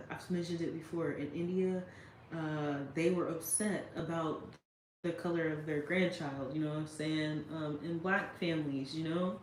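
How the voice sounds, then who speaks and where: A woman giving casual commentary straight to the viewer and reading quotes aloud, often checking in with her listener. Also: low-pitched. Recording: roomy echo with faint noise.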